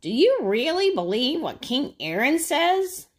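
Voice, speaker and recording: A woman reading a storybook aloud and voicing a sly blue jay that tempts others, in a very high, coaxing voice. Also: sing-song, a little slow.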